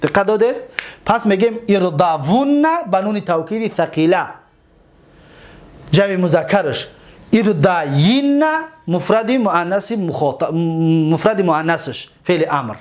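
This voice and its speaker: Animated high-voiced male grammar teacher. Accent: Tajik. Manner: drills verb forms, spelling out word endings slowly; keeps checking students' attention. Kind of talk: Arabic grammar lesson.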